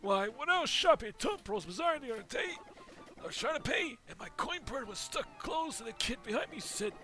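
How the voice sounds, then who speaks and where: A man's voice: very high-pitched, animated, fairly quick, pushed and bright, faint music behind, pitched above the performer's own voice, full character voice. A man voicing a forgetful old male turtle who rambles and keeps losing his train of thought. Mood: nostalgic.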